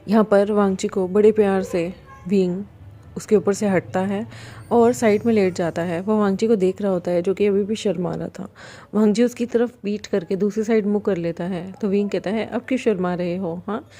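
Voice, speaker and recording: A woman narrating a fan fiction story in a steady, even storytelling manner. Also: mid-range voice, normal speed.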